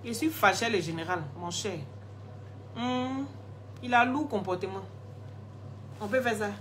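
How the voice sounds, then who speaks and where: On a casual phone live stream, a woman selling skin products answers viewer comments, chatty and teasing, laughing a lot. Her voice sits at medium pitch with a slightly bright quality, her pace is measured, and there's a little hiss or hum.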